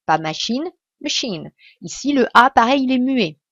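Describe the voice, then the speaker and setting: A woman's voice: high voice, animated, a little fast, a bit bright, no echo. Patient woman teaching pronunciation, dull sound. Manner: patient and explanatory, with hesitant restarts. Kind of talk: video tutorial, explaining step by step.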